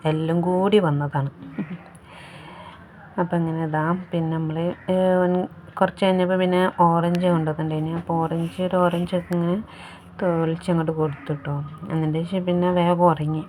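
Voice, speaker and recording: A woman's voice: deep voice, flat delivery, moderate pace, a little mellow, slight background noise. A woman, a mother narrating a casual vlog from a hospital room in a chatty style that keeps adding little tag words. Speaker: vlogger, mother of the patient.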